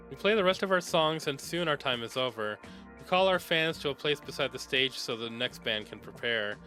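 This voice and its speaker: Bright-voiced man narrating a game. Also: mid-range voice. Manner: expressive narration, breaks off to joke and apologize. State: sneezing, stuffy nose. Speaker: streamer. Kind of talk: reading a visual novel aloud with asides.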